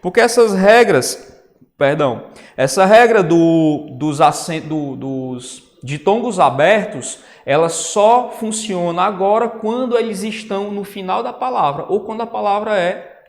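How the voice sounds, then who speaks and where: Male teacher in an online lecture, higher-pitched, in a reverberant space. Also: a little slow. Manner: explanatory, says "né?" and "ó" often. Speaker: Portuguese teacher. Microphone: writing on a tablet while talking. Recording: long reverb.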